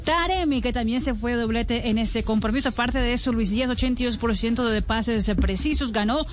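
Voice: mid-range voice, fairly quick, a little hiss or hum. A sports panelist, giving player ratings and statistics in a talk show.

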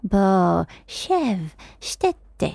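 A woman voicing an old, crooked, thin male wizard in a children's storybook, with a muffled, squeaky voice that barely moves the lips and a riddling, drawn-out singsong. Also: sing-song, gravelly, darkish tone, dry recording, clean studio sound. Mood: sly, riddling. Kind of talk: storybook character voice.

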